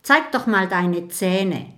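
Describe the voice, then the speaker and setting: A woman's voice: medium pitch, animated, slow, a bit bright. A woman voicing a curious, clever little boy dragon who talks in a friendly, inquisitive way. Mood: lively.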